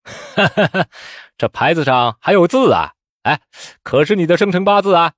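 A man voicing a greedy, cowardly male exam official who mocks candidates with a shrill, sneering voice. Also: very animated, normal speed, no echo, studio quality. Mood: scornful. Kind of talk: storytelling voice acting.

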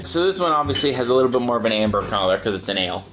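A man's voice: mid-range voice, lively intonation, very fast. A man hosting a casual chat, explaining things in a talkative way and laughing often. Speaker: host. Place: indoors in New York. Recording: echoey room with faint music.

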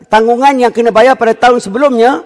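A high-pitched man with a Malaysian accent, speaking in a parliamentary debate in an insistent tone and slipping into English now and then. The sound carries the long reverb of a large chamber. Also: fairly even intonation, quick pace. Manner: insistent, mixes in English phrases. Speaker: deputy minister answering in parliament.

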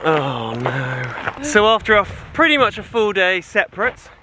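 A young man and father rambling casually to a handheld camera outdoors about his day, poking gentle fun at himself. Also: sits high, measured pace, noisy background. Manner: relaxed and rambling, self-deprecating. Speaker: vlogger, father. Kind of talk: casual travel vlog chat.

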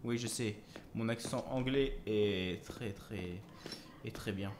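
A man doing let's play commentary, swearing and shouting at the game, then muttering joking asides. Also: on the low side, takes it slowly, noisy background. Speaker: gaming YouTuber.

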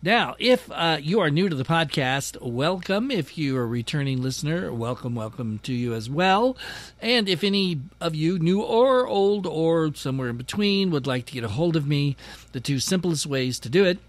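A man's voice: fairly high pitch, expressive, moderate pace, dry recording. A man hosting a podcast in a casual monologue, chatty and self-deprecating with a dry, sarcastic humor. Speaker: podcast host.

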